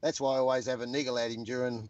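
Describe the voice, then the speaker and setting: A man's voice: mid-range voice, level tone, racing, darkish tone, no room sound. Joking man on a dull line. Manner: crude joking banter. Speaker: guest. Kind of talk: casual chat.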